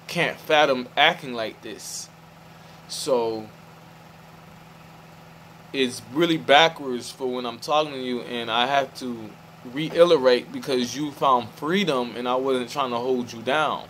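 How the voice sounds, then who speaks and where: A man's voice: mid-range voice, a bit bright, a little hiss or hum, low-quality recording. A man talking to the camera in a loose, meandering monologue, often restarting his sentences and checking in with his listener. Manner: meandering, restarts, keeps asking "you feel me".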